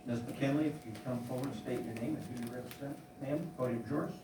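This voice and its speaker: A man chairing a committee hearing, calling testifiers in a brisk, procedural way. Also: mid-range voice, background noise. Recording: echoey hearing room from far off.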